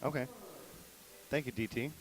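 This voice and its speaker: A man's voice: mid-range voice, fairly even intonation, moderate pace, low-quality recording. Male host relaying viewer questions. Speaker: play-by-play host. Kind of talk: casual sports broadcast hosting.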